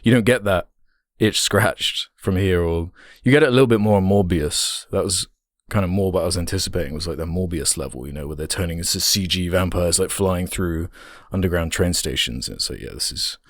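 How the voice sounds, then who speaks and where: Deep-voiced man chatting about movies. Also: brisk, dry recording, clean studio sound. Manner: rambling, trailing off with laughs. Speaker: podcast co-host. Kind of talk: casual film review chat.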